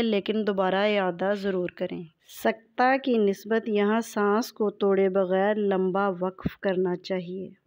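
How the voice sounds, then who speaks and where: A woman's voice: medium pitch, no echo. A woman teaching Quran recitation, explaining each term patiently and methodically to her viewers.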